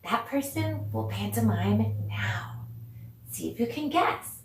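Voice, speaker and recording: On video, a woman with a fairly high, lively voice speaks slowly as she leads a children's dance lesson. She addresses the pupils directly and encouragingly, asking questions and praising them, recorded with a distant mic, roomy echo, and background noise.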